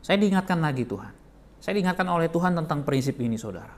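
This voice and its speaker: A male pastor preaching to his church, swinging from loud emphatic bursts to soft asides, telling jokey stories and calling out to the congregation. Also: a little high, expressive, quick pace. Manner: jokey storytelling with chuckles, often calls out to the congregation. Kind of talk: sermon.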